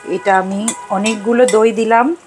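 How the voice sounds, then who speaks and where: A woman's voice: mid-range voice, fairly even intonation, unhurried, slight background noise, low-quality recording. An older woman from Bangladesh hosting a cooking show, chatting in a rambling, casual way and chuckling often as she cooks in a home kitchen. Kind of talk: casual chat while cooking. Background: faint sizzle of frying.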